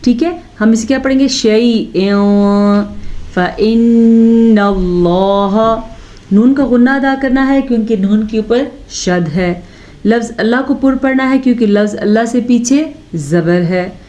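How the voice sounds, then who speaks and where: A woman teaching Quran recitation, who explains step by step, points out common mistakes and recites phrases slowly with long held sounds. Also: fairly high pitch, dark tone, dull audio. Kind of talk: slow step-by-step recitation lesson.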